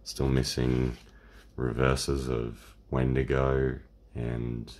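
An Australian man hosting a casual card-opening video, talking in a relaxed, rambling way through a croaky voice. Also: extremely low pitch, extremely slow. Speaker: channel host. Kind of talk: casual unboxing chat.

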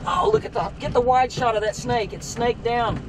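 Guy driving, talking fast and excited, phone video from a passenger seat, kinda far off, loads of car noise. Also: very high-pitched. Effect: phone video recording. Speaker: storm chaser driving. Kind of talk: excited live commentary. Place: inside a vehicle on country roads. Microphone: phone camera held by a passenger. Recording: distant phone mic, loud road noise.

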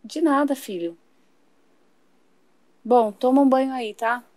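A woman's voice: sits high, slow, darkish tone, dry recording. A woman voicing a sweet toy mom. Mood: caring. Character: caring toy mother.

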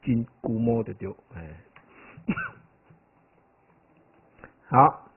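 Animated male monk lecturing, tinny sound. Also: mid-range voice, extremely slow, husky. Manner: conversational, keeps asking "right?"; animated, digressive storytelling. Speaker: Buddhist monk teaching. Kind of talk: dharma lecture. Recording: tinny, phone-like lo-fi recording.

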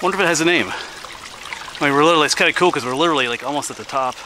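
Here a hiking vlogger, a middle-aged man from Pennsylvania, talks his way along a snowy woodland path in a fairly high voice. He's easygoing and chatty, stopping now and then to catch his breath, with ambient outdoor sound caught on the camera's microphone.

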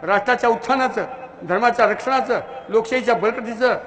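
Fiery high-voiced man orating in a hall. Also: fast talker, fairly bright tone. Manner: fiery, declamatory, insulting. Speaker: public speaker. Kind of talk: impassioned public lecture. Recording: echoey hall with long reverb.

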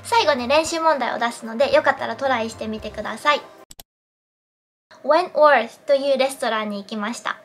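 Higher-voiced woman teaching pronunciation. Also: soft background music. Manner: slow, careful English model phrases; clear explanatory tone. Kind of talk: pronunciation lesson.

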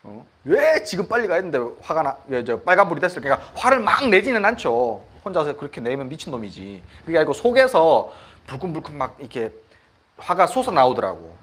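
Man, Buddhist monk, high husky voice, middle-aged, chatty dharma talk. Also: big pitch swings, a little fast, a bit bright. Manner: conversational, asks the audience for agreement; laughs at his own stories.

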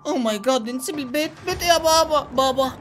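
A woman doing Gumball, a high excited Egyptian boy. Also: very fast, slight background noise, natural voice. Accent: Egyptian Arabic. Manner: eager, breathless exclamations. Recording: faint music behind.

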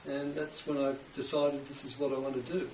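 A middle-aged Australian man explaining his craft in a relaxed interview, with an enthusiastic musician's manner. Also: mid-range voice, brisk. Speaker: guest, cajon maker. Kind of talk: casual interview. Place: indoors, home workshop. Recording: echoey room, mic at a distance, faint background hiss.

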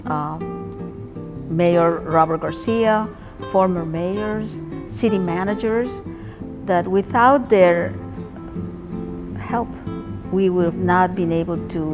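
A woman in her sixties speaks somewhat low, in halting, formal phrases. It is a testimonial of thanks, with guitar music clearly heard underneath. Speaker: award recipient giving thanks. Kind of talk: seated video testimonial. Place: indoor parlor with piano. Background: prominent guitar music.

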